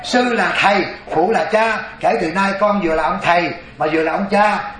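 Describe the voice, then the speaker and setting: A man voicing a calm, wise male teacher, explaining patiently. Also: sits high, normal speed, echoey room.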